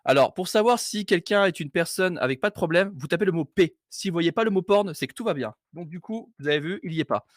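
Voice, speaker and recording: A man's voice: sits high, animated, fast talker, few pauses, no room sound, studio quality. A man hosting a live stream, joking and self-mocking in casual chat.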